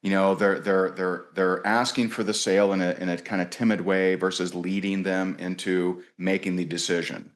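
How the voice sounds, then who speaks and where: A man with a fairly low voice speaks as a podcast guest. He tells a story about a sales call in a loose, lively way, restarting sentences and putting on the voices of the people he quotes. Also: normal speed, hardly any pauses. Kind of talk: casual storytelling interview.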